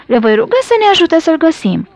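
A woman's voice: very high-pitched, very animated, no room sound, pitched above the performer's own voice, full character voice. A woman voicing a friendly, helpful red poppy in a storybook. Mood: eager.

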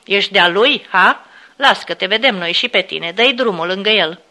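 A woman's voice: mid-range voice, bright, forceful tone. A woman doing a threatening red-faced official. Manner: hissing threats through teeth.

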